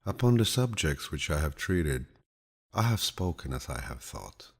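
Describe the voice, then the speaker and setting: With a deep, low, husky voice, a male audiobook narrator slowly reads quotations from a script. His manner is soothing and calm, with a grandfatherly feel.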